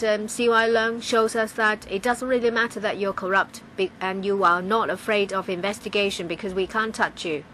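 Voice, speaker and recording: Woman interpreting a council debate live, halting, lots of pauses, mid-pitched voice. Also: bright, forceful tone, a little hiss or hum, poor audio. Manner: halting delivery with frequent pauses and restarts. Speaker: simultaneous interpreter.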